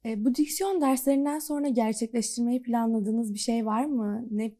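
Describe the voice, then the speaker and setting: A woman host with a slightly high, warm and mellow voice. She puts polite, inquisitive questions to her guests in an even, friendly interview manner. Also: normal speed. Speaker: program host.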